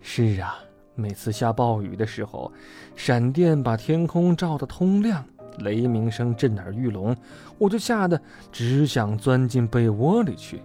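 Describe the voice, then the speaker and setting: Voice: medium pitch, very animated, a little slow, dark tone, faint music behind, voice pushed down. A storyteller voicing Grandma Bear, a kind elderly female bear who comforts the children. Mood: gentle.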